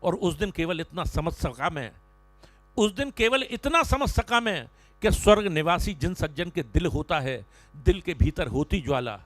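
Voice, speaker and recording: A slightly high male voice, dry and close to the mic, introducing a poet in formal, declamatory tones. He moves easily from praise into recited verse. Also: no room sound. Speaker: emcee of a poetry gathering.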